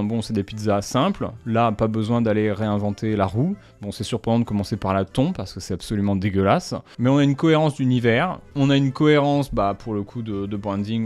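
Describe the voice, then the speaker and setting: A man's voice: medium pitch, a little mellow. Slangy French commentary guy. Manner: slangy, punchy asides. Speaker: YouTuber analysing brand marketing. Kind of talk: casual commentary.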